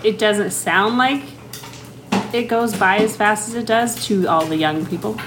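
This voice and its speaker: A woman's voice: medium pitch, measured pace. A middle-aged American woman chatting casually as podcast co-host in an echoey kitchen. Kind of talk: casual chat. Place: home kitchen. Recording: echoey kitchen with background noise.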